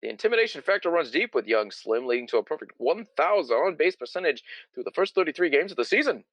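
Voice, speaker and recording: A man doing a fast-talking backwoods rancher. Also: on the high side, very animated, a bit bright, dry recording, lo-fi sound, pitched below the performer's own voice. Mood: matter-of-fact. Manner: cheerful drawl about grisly things. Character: deadpan backwoods male rancher, cheerfully grim. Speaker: co-host playing a backwoods rancher. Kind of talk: comedic 1920s radio parody.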